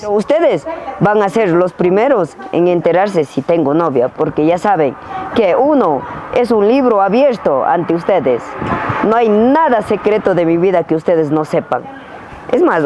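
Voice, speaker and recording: On a rural hillside, a young man hosts a laid-back question-and-answer vlog, teasing and joking in slang toward a camera just a few feet off. His voice sits high with a darkish tone, lively intonation and a moderate pace. Vehicles pass by amid the outdoor noise.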